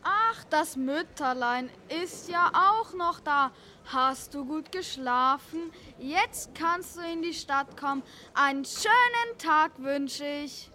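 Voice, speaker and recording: A woman's voice: high-pitched, animated, slow pace, bright, forceful tone, a little hiss or hum, full character voice. A woman playing an officious medieval town gatekeeper in an audio play, with a declamatory delivery. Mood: mocking, brisk. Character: stern, officious town gatekeeper of olden times. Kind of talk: German audio play for children.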